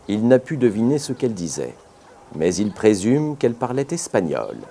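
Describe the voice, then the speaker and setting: Deep, lively male audiobook narrator. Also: moderate pace, slight background noise. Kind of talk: scripted narration.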